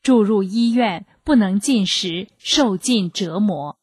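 A woman reading a scripted radio narration in a measured, even way. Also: mid-range voice, slightly rough, no echo.

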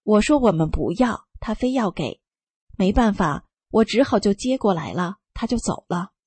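Calm, husky woman reading a story. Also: medium pitch, normal speed, dry recording. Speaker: reader of a first-person testimony. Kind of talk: scripted narration.

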